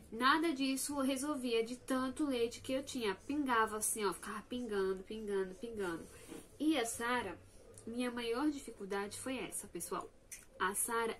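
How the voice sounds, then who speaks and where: A young woman with a fairly high voice tells her story to viewers in a chatty, animated vlog. She talks casually and directly to her audience. A faint hiss of background noise sits under the recording. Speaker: vlogger.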